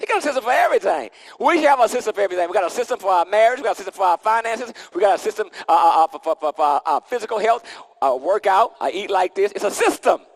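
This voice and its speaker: A man's voice: sits high, animated, rapid-fire, in a large hall. A man preaching a sermon into a pulpit microphone, emphatic and repetitive, with casual vernacular and call-and-response. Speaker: pastor.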